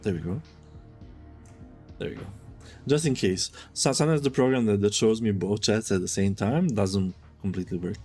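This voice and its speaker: Chatty low-voiced male streamer. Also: moderate pace, darkish tone, husky, faint music behind. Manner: chatty, amused, thinking aloud. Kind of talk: casual live-stream gaming chat.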